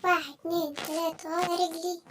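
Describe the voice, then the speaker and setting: A woman voicing a whiny fat male cartoon cat with an Egyptian Arabic accent, wailing and counting loudly as he exercises. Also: level tone, fast talker, noisy background. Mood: puffing. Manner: wailing, loud and high, counting aloud while exercising. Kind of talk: children's cartoon voice acting.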